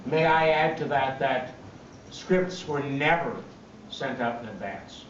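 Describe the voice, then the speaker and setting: A man on a convention panel, explaining in a measured way. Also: medium pitch. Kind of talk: panel talk. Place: large convention hall. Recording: muffled, echoey hall from far off, noisy.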